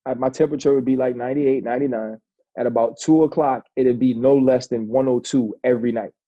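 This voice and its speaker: Dark husky man telling stories. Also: mid-range voice, steady tone, quick pace, no echo, muffled recording. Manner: conversational, many restarts, calls host "bro". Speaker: podcast guest, former football player. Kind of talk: casual storytelling interview.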